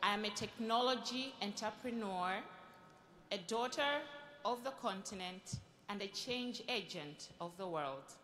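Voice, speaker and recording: A young woman gives a formal prepared speech to a youth forum, speaking slowly and deliberately with pauses between phrases. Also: mid-range voice, background noise. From Malawi. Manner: slow, deliberate oratory with pauses. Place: large conference hall. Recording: echoey hall with long reverb.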